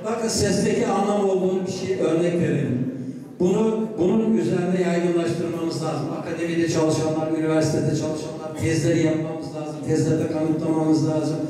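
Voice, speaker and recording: A man's voice: fairly high pitch, steady tone, moderate pace, dark tone. An older man, a native Circassian speaker, giving an emphatic public talk at a cultural event and sounding out words. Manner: emphatic, repeats key phrases and sounds out words. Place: association hall. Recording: echoey hall, far from the mic.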